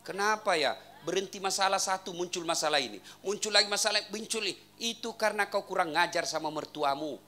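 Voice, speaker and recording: Guy preaching at a home gathering, super bright sharp tone, teasing the crowd w questions. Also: sits high, fast talker. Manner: teasing, quizzes the audience. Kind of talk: humorous sermon.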